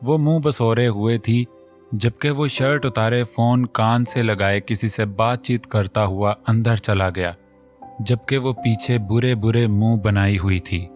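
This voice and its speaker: A man narrating a romance novel in a steady storytelling manner. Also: lowish voice, a little slow, soft background music. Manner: steady storytelling, reads all the voices.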